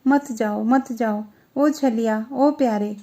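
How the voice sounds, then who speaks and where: Young courtesan woman, voiced by a woman narrator, soft, coaxing, high and mellow. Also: slow. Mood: tender.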